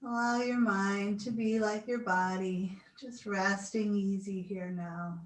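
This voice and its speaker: A woman leading a guided relaxation as an instructor, speaking in a soothing, gentle, unhurried way. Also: medium pitch, steady tone. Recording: roomy echo, distant mic, video call recording.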